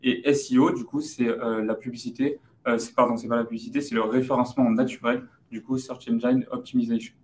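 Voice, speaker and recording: A man's voice: mid-range voice, flat delivery, fairly quick, few pauses, darkish tone, slight background noise. A man, an advertising expert, adding brief explanations in a webinar with an agreeable manner. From France.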